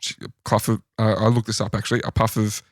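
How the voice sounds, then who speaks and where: A man's voice: fairly low pitch, level tone, fast talker, no room sound, clean studio sound. An Australian man co-hosting a podcast, casually telling trivia stories from his notes. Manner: storytelling, recounting trivia from notes. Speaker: podcast co-host. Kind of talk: casual chat.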